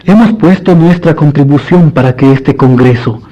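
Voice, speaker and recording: This man's voice sits on the high side, mellow and natural, as he portrays a devout, courteous priest for a radio drama. He speaks formally, earnestly and with measured piety, the mood earnest and pious. Sound quality is a dull lo-fi radio recording.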